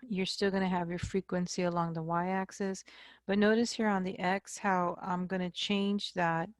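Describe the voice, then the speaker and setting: A woman math instructor giving a recorded lecture, explaining slowly and checking in with "okay?". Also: lowish voice, little pitch movement, no room sound, studio quality.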